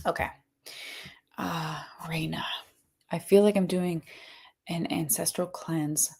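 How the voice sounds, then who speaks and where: A woman hosting a channeling session, chatting informally and haltingly and reading out requests. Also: fairly low pitch, fairly even intonation, vocal fry, darkish tone, slightly rough. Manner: informal, halting, acts out quoted encouragement. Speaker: trance channeler, host. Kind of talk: casual chat, reading out requests.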